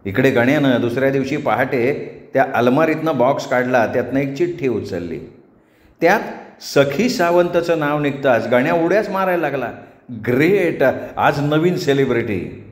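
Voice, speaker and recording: A man's voice: mid-range voice, moderate pace, roomy sound. A man narrating a comic story expressively, acting out the hapless hero's panicky lines himself. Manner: lively, expressive. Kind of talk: Marathi story narration with character voices.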